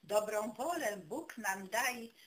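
A woman giving a folk poetry recital, declaiming rhymed festive verse in measured phrases with pauses between them. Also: mid-range voice, expressive. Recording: clearly noisy amateur recording.

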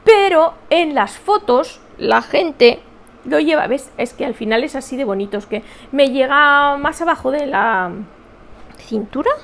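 A woman's voice: high-pitched, lively intonation, measured pace, a bit bright. A middle-aged woman from Spain, a crochet channel host with a Spanish accent, rambling cheerfully in a casual live chat and reading viewers' comments aloud. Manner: chatty, rambling, self-mocking, reads viewer comments aloud.

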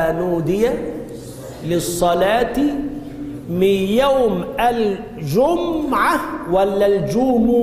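A man's voice: fairly high pitch, mellow, a little hiss or hum. Egyptian man teaching in an echoey hall. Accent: Egyptian Arabic. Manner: quizzes students with frequent call-and-response questions. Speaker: Islamic jurisprudence teacher. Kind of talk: religious classroom lesson.

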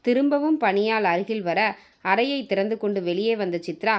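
A woman with a Tamil accent narrates a short story in a steady, even reading voice. Her pitch sits in the middle range. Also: normal speed.

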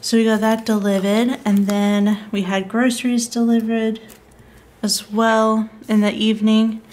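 A woman's voice: a little high, flat delivery, a little slow, a little mellow. A young woman talking casually over her planner video, rambling along with frequent ums and small laughs. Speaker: planner vlogger.

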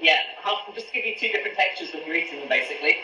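A pasta supplier guests on a live stream from his home kitchen, explaining each cooking step. His voice is on the high side, expressive, bright, and forceful, and he races along. A camera a few feet away on a video call captures echoey kitchen sound with slight background noise.

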